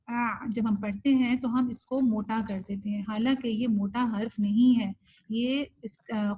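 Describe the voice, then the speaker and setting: Husky, patient woman teaching a class. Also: on the high side, a little mellow, rough recording. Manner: patient, explanatory, mixes English terms into Urdu. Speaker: Quran recitation teacher. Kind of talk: online class lecture.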